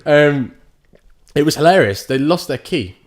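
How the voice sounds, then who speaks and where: A young man co-hosting a casual podcast chat, telling lively anecdotes and laughing often. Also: fairly high pitch, unhurried, a little hiss or hum. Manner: chatty anecdotes, laughs often, makes sound effects. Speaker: podcast co-host.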